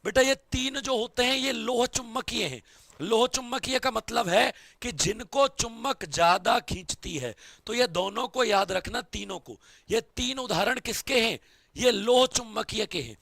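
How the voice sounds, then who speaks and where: Casting: male tutor, high raspy voice that cracks at speed, dry close sound, keeps quizzing his students. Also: a bit bright, no room sound. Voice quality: voice cracks when speaking fast. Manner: repetitive quizzing, calls students "beta" and "babu". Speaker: science teacher. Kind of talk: online exam-prep lecture.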